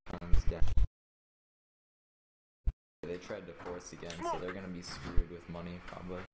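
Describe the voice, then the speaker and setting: A man's voice: low voice, monotone, normal speed. A young man streaming an online team shooter, talking in a laid-back, offhand way and often trailing off. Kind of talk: casual team voice chat during a game. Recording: loud game noise and clicks under voice chat.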